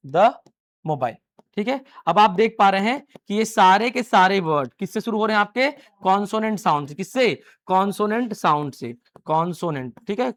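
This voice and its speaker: A man with a high voice gives a live classroom lecture on English grammar. He fires questions at his students and answers them himself. He drills the same phrases again and again. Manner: repeats key phrases many times. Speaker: English teacher.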